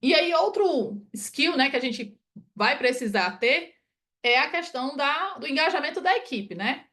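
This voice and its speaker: A woman's voice: high-pitched, lively intonation, a little slow, fairly bright tone. A Cearense woman from Brazil, a consultant, giving a chatty webinar talk over a video call and tagging many phrases with "né?". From Ceará, Brazil. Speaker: project management consultant and webinar speaker.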